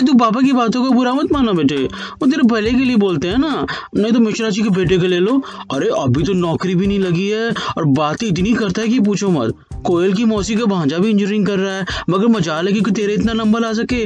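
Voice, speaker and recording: A man voicing a doting middle-aged mother who rambles on without pause in a storybook narration. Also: sits high, voice pushed up, close to an everyday voice. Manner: rambling, nonstop, loud.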